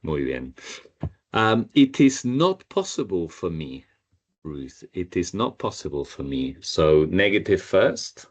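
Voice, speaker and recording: A man's voice: deep voice, very animated, takes it slowly. A man teaching a Spanish class over a video call, patiently repeating each learner's answer. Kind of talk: online group language lesson.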